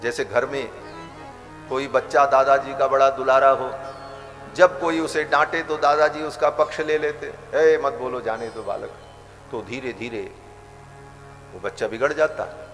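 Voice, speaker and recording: A male spiritual teacher giving a devotional storytelling discourse, animated and reciting scripture verses as he goes. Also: medium pitch, unhurried, long pauses. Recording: hall reverb with faint music.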